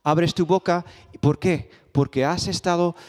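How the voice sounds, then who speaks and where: A male pastor preaches, telling stories and hammering points home through rhetorical questions and repetition. His voice sits a bit high and carries a long reverb the church hall. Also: fairly even intonation, a little slow, darkish tone. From Spain. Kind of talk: sermon. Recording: echoey hall.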